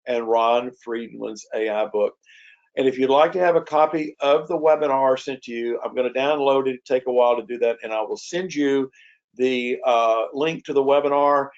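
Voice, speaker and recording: A man wraps up his webinar in a quick, rambling flow, tripping over his words and restarting often. His voice sits at an everyday middle pitch. The sound is dull and lo-fi. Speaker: webinar host. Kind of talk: casual webinar wrap-up.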